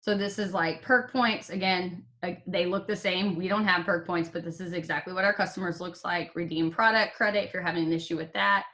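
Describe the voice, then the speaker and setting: Upbeat woman, bright tone, runs a team call while hiccuping, casual and joking. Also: on the low side, fairly even intonation, fairly quick, hardly any pauses. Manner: upbeat and chatty, with fillers and jokes. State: has the hiccups. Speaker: team leader.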